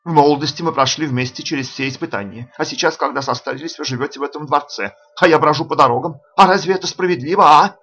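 A man reading the part of a fawning, sly old vagabond ex-soldier with a hoarse voice, as audiobook character reading. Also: fairly high pitch, quick pace, few pauses, bright, forceful tone, muffled recording, voice pushed up. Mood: wheedling. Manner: wheedling, mocking.

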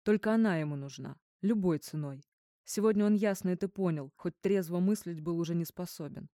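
A woman reading an audiobook in a measured, even narration. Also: on the low side, dry recording, studio quality. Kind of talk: scripted narration.

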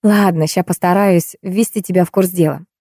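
A woman reading an audiobook, voicing a friendly, nosy young woman with a lively, familiar way of talking. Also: lowish voice, normal speed, dry recording, studio quality. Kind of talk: audiobook character voice.

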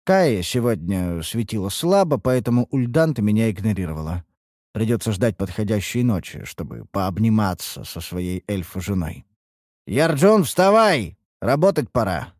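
A man narrating a first-person fantasy audiobook in a steady, measured way. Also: lowish voice, no room sound, clean studio sound.

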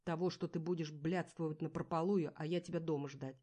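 A woman's voice: sits low, steady tone, fairly quick, mellow. A woman reading the part of an angry, jealous husband who scolds and sneers. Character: angry jealous husband, adult man, contemptuous.

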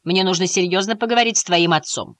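A woman voicing a bossy, sharp-tongued mother mouse in a storybook. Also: on the low side, fast, no echo, close to an everyday voice. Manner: bossy, curt.

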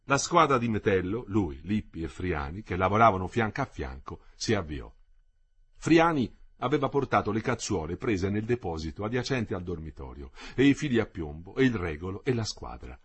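A man reading a literary novel aloud, with a measured and expressive delivery. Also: on the low side, husky. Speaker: audiobook narrator.

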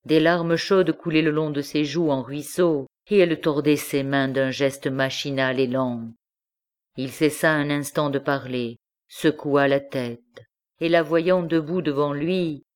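A woman reading a classic novel aloud as an audiobook, in measured, expressive narration. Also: low voice. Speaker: audiobook reader. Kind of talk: scripted literary narration.

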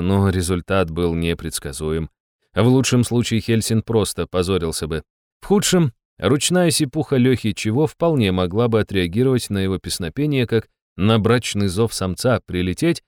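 A man's voice: lowish voice, a little mellow, clear, resonant tone, dry recording. A man narrating a story in a wry, ironic tone. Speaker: audiobook narrator. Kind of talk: scripted narration.

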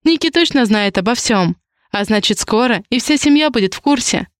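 A woman voicing a petite young heroine who speaks shyly and softly, yet holds her ground firmly and calmly. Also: on the high side, moderate pace, no echo, studio quality, natural voice. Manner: soft, shy, then firmly insistent. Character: young woman, small, stubborn, calmly firm.

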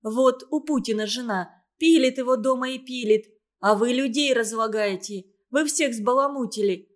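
A woman reading an audiobook, voicing an earnest young woman who scolds and moralizes loudly. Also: a little high, close to an everyday voice.

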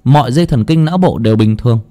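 A man playing a calm middle-aged surgeon who explains things in a measured, serious way. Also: mid-range voice, lightly acted. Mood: puzzled.

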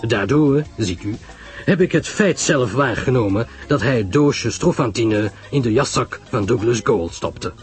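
With music in the background, a man takes on the role of a serious, self-assured older detective from a radio mystery. His delivery is animated and lightly acted, measured and emphatic, with broad swings in pitch.

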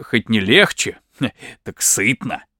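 A man's voice: on the low side, very animated, slow, bright, forceful tone, no echo, clean studio sound, voice pushed down, heavily acted. A man voicing a cheeky, lusty old-time soldier who speaks wryly.

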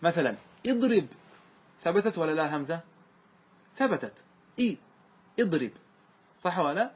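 Male teacher, slightly husky, higher voice, checks in with the class often. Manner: questioning students, repeating answers. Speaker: teacher explaining grammar verses. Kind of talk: classroom lesson.

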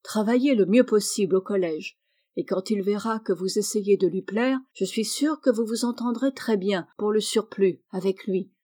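A sensible sixteen-year-old girl giving advice, as a woman reads her, motherly and earnest. Her tone is warm and mellow, at a middle pitch. A storybook reading. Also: moderate pace, natural voice.

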